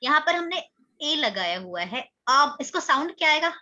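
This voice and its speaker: High-voiced, bright woman teaching. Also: big pitch swings, moderate pace, highs cut off. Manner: asks questions to students and repeats answers. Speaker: English teacher. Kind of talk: classroom grammar lesson.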